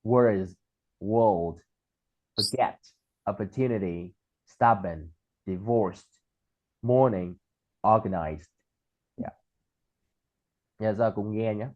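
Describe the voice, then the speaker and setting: A man's voice: on the low side, takes it slowly, pauses often. A man chatting casually and then teaching pronunciation, explaining and repeating example words. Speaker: English tutor. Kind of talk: casual chat and pronunciation lesson. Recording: tinny phone-like line.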